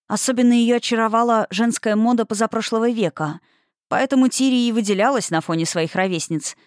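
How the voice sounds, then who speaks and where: A woman's voice: medium pitch, no room sound. Woman narrating an audiobook, dry sound.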